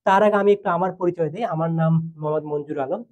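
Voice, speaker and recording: Young male tutor from Bangladesh, higher voice, patient and explanatory, with frequent fillers. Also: racing, darkish tone. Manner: patient, explains step by step with fillers and mixed English. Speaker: English teacher. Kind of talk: classroom lesson explanation.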